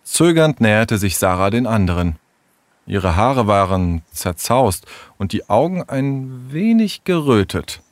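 Man, storybook narrator, animated intonation, dry close recording. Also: lowish voice, unhurried, dry recording. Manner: expressive, storytelling.

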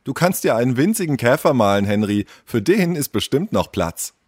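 Impatient young girl in a children's story, a man doing the voice, pitched up and a little quieter. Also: very animated, breathy edge, dry recording, studio quality. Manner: impatient, quick.

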